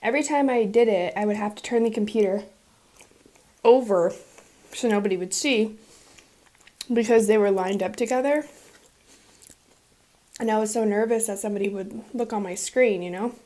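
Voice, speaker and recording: Relaxed woman confiding a storytime. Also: mid-range voice, normal speed, long pauses. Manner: relaxed and confiding, with asides about her drink. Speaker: vlogger. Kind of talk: casual storytime while eating.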